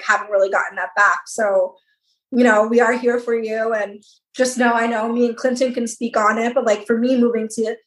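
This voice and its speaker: A young woman with a slightly high voice, talking gently and reassuringly on a casual podcast. Her speech is loose and full of filler words. The recording has an echoey room sound. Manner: reassuring, lots of "like". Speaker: podcast co-host. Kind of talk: casual supportive chat.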